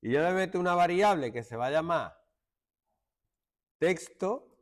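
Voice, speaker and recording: Lively Andalusian male teacher. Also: fairly high pitch, unhurried. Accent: Andalusian Spanish. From Málaga, Spain. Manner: joking, hushes students. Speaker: secondary school teacher. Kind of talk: classroom lesson. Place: classroom.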